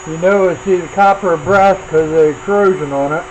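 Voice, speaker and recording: A man with a high voice speaks fairly quickly while demonstrating a scrap metal teardown for video. His manner is folksy and relaxed, and he thinks out loud as he goes. The sound is dull and lo-fi, carrying faint clicks and noise.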